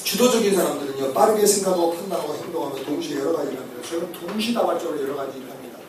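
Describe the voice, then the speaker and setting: High-voiced male lecturer in echoey hall. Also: racing. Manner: animated, joking, asks the audience for agreement. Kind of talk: personality-type lecture to an audience. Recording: echoey hall, voice from far off, noisy.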